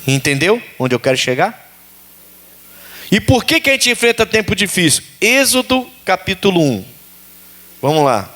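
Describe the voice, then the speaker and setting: A man's voice: sits high, sing-song, normal speed, pauses often, bright, forceful tone. A man preaching a sermon as pastor, repeating phrases and putting questions to the congregation.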